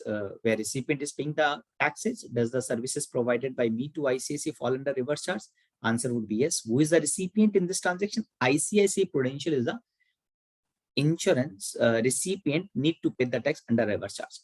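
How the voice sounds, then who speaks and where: A man's voice: medium pitch, brisk, dry recording, rough recording. A man with an Indian English accent giving an online tax lecture, asking and answering his own questions and repeating key points. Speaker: tax educator.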